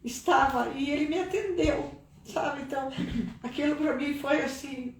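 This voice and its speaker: A woman's voice: measured pace, slight background noise. A middle-aged Brazilian woman speaking as a mother, giving an earnest, prayerful testimony. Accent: Brazilian Portuguese. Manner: earnest, prayerful, pitch rising when moved. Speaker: mother of a cancer patient, guest. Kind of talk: emotional personal testimony. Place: live stream room. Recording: roomy, distant mic.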